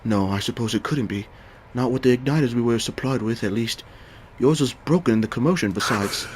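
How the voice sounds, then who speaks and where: A man putting on a gruff swordsman mentor from a video game, speaking low and quiet with a weary edge. He sounds like a seasoned, middle-aged fighter. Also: brisk, slight background noise, lightly acted.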